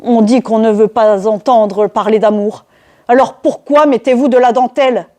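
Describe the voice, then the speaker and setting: A woman's voice: fairly high pitch, fairly even intonation, moderate pace, mellow, close to an everyday voice. A woman voicing an ardent aristocratic count in a one-woman reading of a classic stage comedy, speaking gallantly and declaiming with passion. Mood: reproachful. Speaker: reader of a play.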